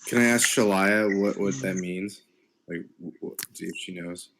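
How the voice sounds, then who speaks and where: A man's voice: low voice, normal speed, a crowd in the background. A man chatting casually as a player at a tabletop game.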